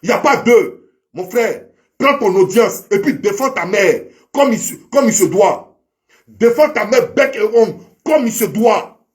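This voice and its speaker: A man's voice: sits high, animated, unhurried. A man delivering a preachy, repetitive monologue to a fellow online commentator, heavy with proverbs and addressing him as brother. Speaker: social media commentator. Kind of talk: impassioned monologue to camera.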